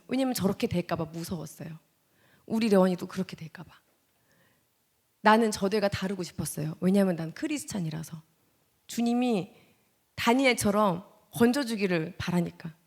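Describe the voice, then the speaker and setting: A woman in her thirties, an actress giving a testimony as guest speaker in a church, telling her story with strong feeling and acting out her own past words. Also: a little high. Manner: swings between loud outbursts and hushed, near-whispered lines. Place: church sanctuary.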